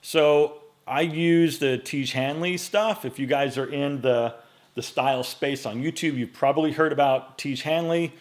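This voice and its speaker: A men's style YouTuber in his late forties answers viewer questions in a casual vlog, relaxed and chatty with lots of fillers. His voice is a little high and unhurried, recorded on a mic in front of him in a home studio.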